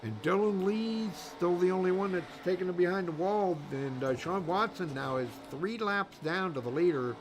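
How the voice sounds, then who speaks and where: A man's voice: sits high, normal speed, hardly any pauses, faint music behind. A man doing live race commentary in a rambling, folksy way, full of fillers. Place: commentary booth at a racetrack.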